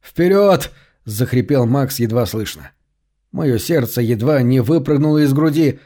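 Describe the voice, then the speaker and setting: A man reading a novel aloud in measured, even storytelling narration. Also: medium pitch. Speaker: audiobook reader. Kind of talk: scripted narration.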